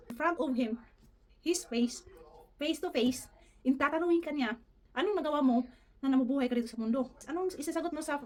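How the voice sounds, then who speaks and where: A woman vlogger telling a story in a casual, earnest way, often addressing her viewers as "guys" and mixing English into her talk. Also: high-pitched. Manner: fast, earnest, keeps saying "guys", mixes English in.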